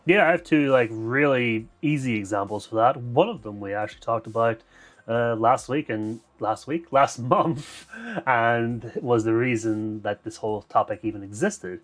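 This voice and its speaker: A man's voice: mid-range voice, moderate pace. A man co-hosting a casual gaming podcast, playful and teasing. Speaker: podcast co-host.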